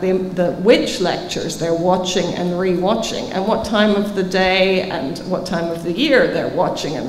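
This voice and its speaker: A woman in her 50s with a lowish voice answers questions as a keynote panel speaker at a conference Q&A, emphatic and explanatory. She speaks into a table microphone in a reverberant hall with faint ambience and a little hiss or hum.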